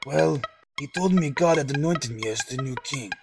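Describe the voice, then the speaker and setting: A man's voice: fairly high pitch, normal speed, loud music behind the voice. An actor playing a stern army captain newly made king, with blunt, commanding orders. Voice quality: gravelly, husky.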